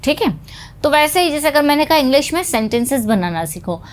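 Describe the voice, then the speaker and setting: A woman's voice: high-pitched, very animated. Patient woman teaching English phrases. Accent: Indian English. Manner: explains patiently, then says example phrases slowly. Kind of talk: spoken English lesson in Hindi.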